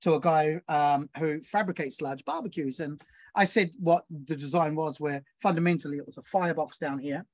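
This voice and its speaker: Standing at an outdoor barbecue, a man from New Zealand who cooks for a living explains each step of the process in a casual, filler-heavy way. He talks at a normal speed in a fairly high voice, and the recording is dry.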